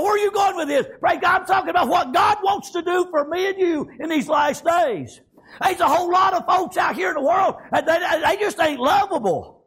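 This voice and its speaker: This man's voice is very high-pitched and fairly bright. Speaking with a Southern American accent, he preaches a fervent revivalist sermon in a folksy, colloquial way, scattering exclamations of praise throughout.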